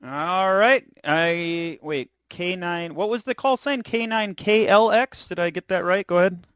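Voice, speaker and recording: A man hosting an amateur radio check-in net as net control, speaking in an informal, halting way. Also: high voice, a bit bright, slight background noise.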